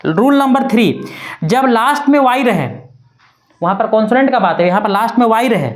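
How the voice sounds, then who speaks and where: A woman's voice: fairly high pitch, animated, normal speed. A woman teaching an English grammar lesson, spelling words out letter by letter and checking in with her students often. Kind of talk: classroom-style grammar lesson.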